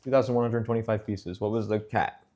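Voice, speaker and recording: A man in a casual chat, teasing and joking with his building partner. His voice sits fairly low. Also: fairly even intonation, fast, darkish tone. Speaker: co-builder on a stream.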